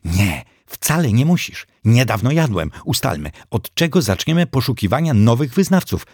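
A man voicing a small, self-satisfied male hamster who believes he is a god, speaking solemnly with a gravelly voice. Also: mid-range voice, big pitch swings, normal speed, a little mellow, no echo, clean studio sound, voice pushed up.

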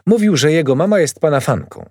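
A man voicing an excitable, nosy female neighbour who gushes and fusses over everything. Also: fairly high pitch, a little fast, breathy edge, no room sound, studio quality, pitched above the performer's own voice, heavily acted. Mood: chatty. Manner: gushing, excitable.

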